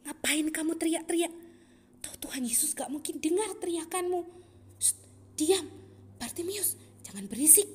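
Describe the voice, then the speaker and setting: A woman doing a hushing, scolding crowd. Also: very high voice, expressive, moderate pace, pauses often, pitched above the performer's own voice. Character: scolding crowd of townspeople, impatient.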